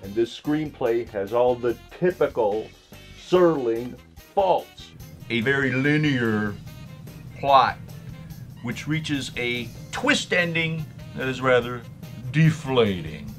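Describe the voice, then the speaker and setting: A man playing a mock-solemn horror host, with a deliberate, theatrical delivery in scripted comic reviews. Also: medium pitch, lively intonation, a bit bright, soft background music. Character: Dr. Torpor, theatrical horror host commenting on old films.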